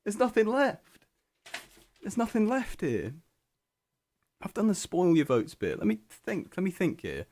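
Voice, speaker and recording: A man's voice: high voice, wildly swooping pitch, a little slow, long pauses, darkish tone. A young man hosting a student radio show alone in a small studio, chatting in a rambling, self-mocking way, full of restarts. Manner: self-deprecating, scatterbrained, lots of restarts. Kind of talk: rambling solo radio chat. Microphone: studio microphone.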